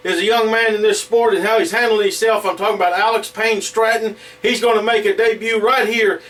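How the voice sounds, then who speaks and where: A man's voice: high voice, fairly bright tone. A middle-aged man hosting a wrestling show with unscripted commentary, picked up from a distance.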